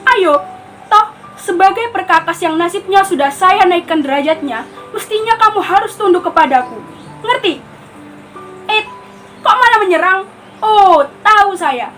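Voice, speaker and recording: A woman's voice: extremely high pitch, expressive, unhurried, pauses often, fairly bright tone, soft background music, exaggerated voice, rough recording. A teenage girl playing a lonely, paranoid civilian prisoner in a stage monologue, scolding and then pleading. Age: teens. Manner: scolding, swinging from pleading to threatening. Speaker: student performing a monologue. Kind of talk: theatrical monologue.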